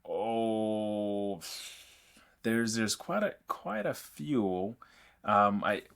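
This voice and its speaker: A man who grew up in Mozambique and is not a native English speaker, hosting a podcast interview in a casual, halting way with many restarts. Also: lowish voice, lively intonation, gravelly, a bit bright, clear, resonant tone. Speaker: podcast host.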